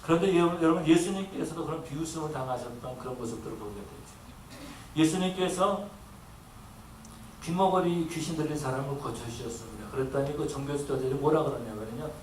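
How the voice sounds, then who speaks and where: A man's voice: fairly high pitch, brisk, slight background noise. A male pastor preaching an earnest sermon and acting out the voices in the stories he tells. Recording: echoey room from a distance with faint ambience.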